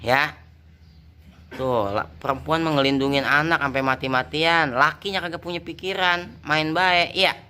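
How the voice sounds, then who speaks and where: A man's voice: a little high, unhurried, bright, forceful tone, slight background noise. A man, chatting casually and teasingly as he scolds and coaxes his pet cats. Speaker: pet channel host.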